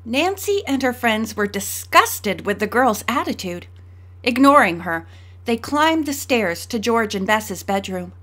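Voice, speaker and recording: A woman narrating an audiobook, shifting her pitch and pace to voice each character. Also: sing-song, measured pace, fairly bright tone.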